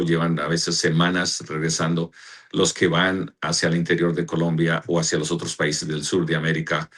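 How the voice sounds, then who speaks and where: A man, a pastor and church director, answering interview questions in a slow, earnest way as he searches for words. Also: low-pitched.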